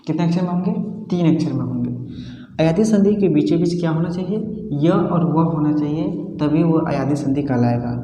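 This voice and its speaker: A man's voice: fairly high pitch, brisk, dark tone. A man with a Bhojpuri-tinged Hindi accent teaching a Sanskrit grammar lesson, asking questions and answering them himself, repeating key syllables as drills. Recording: roomy echo with long reverb, faint music.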